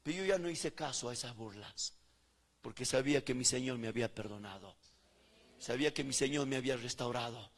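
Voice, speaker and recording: A man preaching a fervent sermon, swinging between loud calls and hushed words. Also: mid-range voice, a little fast, long reverb tail. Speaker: pastor.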